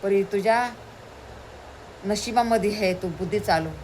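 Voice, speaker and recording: A woman's voice: mid-range voice, measured pace, darkish tone, slight background noise, natural voice, poor audio. A woman voicing a wise male elder who gives instructions and lists promises. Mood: instructing.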